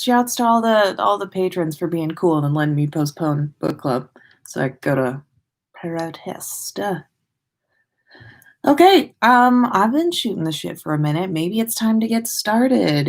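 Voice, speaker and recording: With a mid-range voice and lively intonation, an American podcast host speaks unhurriedly during a livestream from her home room. She seems tired, yet she rambles playfully and informally, breaking into sing-song asides.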